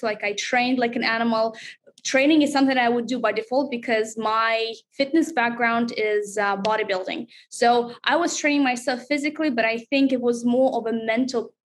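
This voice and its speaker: A woman from Russia, a guest chatting upbeat in an interview, with many fillers. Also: a little high. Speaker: reality show contestant, guest. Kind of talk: casual interview chat.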